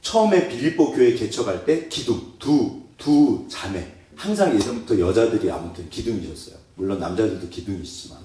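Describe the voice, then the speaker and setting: A man's voice: fairly low pitch, lively intonation, a little fast, hardly any pauses, mellow. A male pastor preaching a sermon, asking the congregation questions and acting out prayers and quotes. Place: church sanctuary. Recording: very echoey church hall, mic far off.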